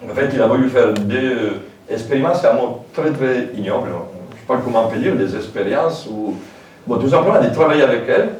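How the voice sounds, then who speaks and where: A man's voice: medium pitch, fairly quick, a little mellow, a little hiss or hum. Male lecturer, casual, hesitant asides, distant mic in an echoey hall. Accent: French with a foreign lilt. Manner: informal, hesitant, many fillers and asides. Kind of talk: public lecture.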